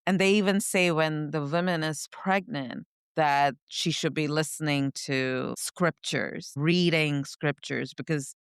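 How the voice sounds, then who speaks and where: Smooth-voiced woman telling her story. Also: sits low, fairly even intonation, unhurried, no echo, studio quality. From India. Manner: reflective, searching for words, frequent "you know". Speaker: podcast co-host. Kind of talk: personal storytelling in conversation.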